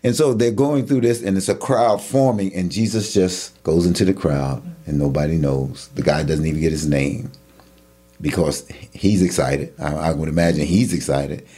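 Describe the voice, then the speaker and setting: A man's voice: a bass voice, moderate pace, slightly rough. A man in a casual Bible discussion, talking loosely and acting out imagined bystanders. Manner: animated, acts out imagined voices in a rising tone. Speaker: Bible study co-host.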